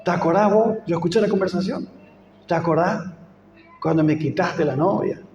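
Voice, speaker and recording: Argentine man, pastor; high, fervent sermon delivery in a reverberant church hall. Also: normal speed, lo-fi sound, noisy background. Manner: fervent, rising to emphatic peaks. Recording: echoey hall with faint ambience.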